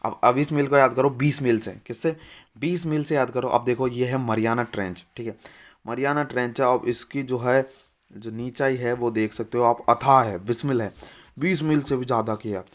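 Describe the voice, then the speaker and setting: A man's voice: mid-range voice, moderate pace. A young man teaching English vocabulary in Hindi, repeating each word and asking the class quiz-style questions. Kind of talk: vocabulary lesson.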